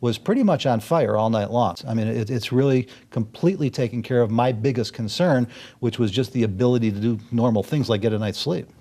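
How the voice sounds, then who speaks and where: Fast-talking man in casual interview. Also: mid-range voice, mellow. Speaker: testimonial guest, sports publisher.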